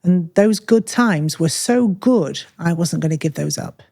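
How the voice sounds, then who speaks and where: A woman's voice: fairly low pitch, animated, vocal fry, warm tone, dry recording. Woman podcast co-host, frank and reflective, dry close sound. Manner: frank, reflective, speaks in short measured phrases. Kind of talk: candid personal conversation.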